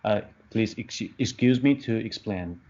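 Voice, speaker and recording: A Taiwanese film director in his fifties answers interview questions in English, hesitant, restarting often and using fillers while searching for words. His lowish voice is a little slow and mellow, captured as dull lo-fi podcast audio.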